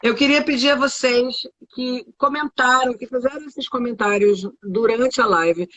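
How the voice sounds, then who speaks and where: A woman's voice: sits high, moderate pace, fairly bright tone, dull audio. A woman with a Brazilian Portuguese accent, hosting a live stream on a video call and thanking the audience as she wraps up. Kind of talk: casual live-stream chat.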